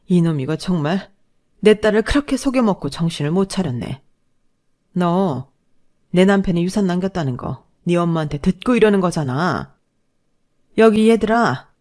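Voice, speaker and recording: Woman playing a furious middle-aged mother, loud scolding outbursts, storybook drama. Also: lowish voice, expressive, normal speed, lightly acted. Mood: scornful.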